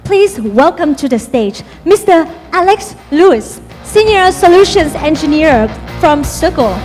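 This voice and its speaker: High-voiced Vietnamese woman hosting an event. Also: expressive, measured pace, darkish tone, faint music behind. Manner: upbeat, engaging the audience with questions. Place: conference hall.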